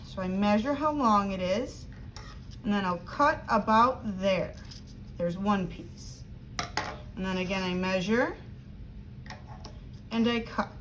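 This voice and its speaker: A woman's voice: a little high, fairly bright tone, poor audio. A woman teaching young children a craft step by step, speaking to them directly in simple instructions. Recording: clear background noise.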